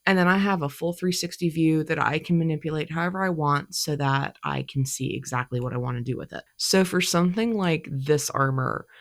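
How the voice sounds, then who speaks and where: A young woman with a stuffy nose from allergies, chatting in a rambling, self-deprecating way as she walks through her cosplay build to camera. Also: low-pitched. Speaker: cosplay vlogger. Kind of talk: rambling casual talk to camera.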